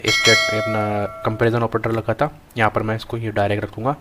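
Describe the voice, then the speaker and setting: A young man teaching a coding class, thinking aloud as he types, with frequent pauses and restarts. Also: lowish voice, level tone, heavy background noise. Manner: thinks aloud while typing, halting with many restarts. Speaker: programming tutor. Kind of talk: screen-recorded coding lesson.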